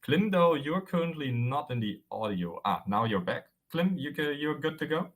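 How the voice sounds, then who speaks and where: A man's voice: fairly high pitch, big pitch swings, moderate pace. A man casually moderating an online event as its organiser.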